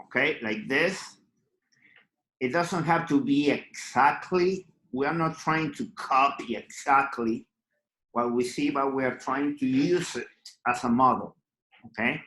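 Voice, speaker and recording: A man teaching an online drawing class, talking slowly and patiently and often checking in with "okay?". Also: mid-range voice, a bit bright, roomy sound, low-quality recording. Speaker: art teacher.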